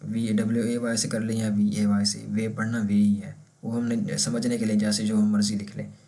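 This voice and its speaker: A man with a Pakistani Urdu accent teaching a beginner German class, patiently explaining and repeating words slowly so learners can copy the pronunciation. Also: fairly low pitch, level tone, mellow. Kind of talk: casual explanatory lesson.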